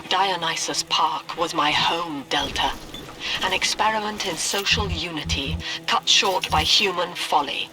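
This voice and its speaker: An actor playing a bitter, resentful park founder who speaks in a measured, reproachful way in a video game, with music behind him. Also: male voice, fairly high pitch, close to an everyday voice, rough recording.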